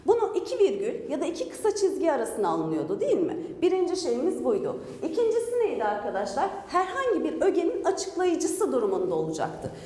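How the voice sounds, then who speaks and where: A woman's voice: high-pitched, brisk, hardly any pauses, a little hiss or hum. A woman teacher giving an online grammar lesson, asking her students questions and answering them herself. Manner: lively, asks and answers her own questions. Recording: echoey room with long reverb.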